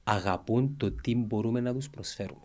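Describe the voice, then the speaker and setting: A man with a Cypriot Greek accent, chatting casually as a podcast co-host. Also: on the low side. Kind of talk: casual chat.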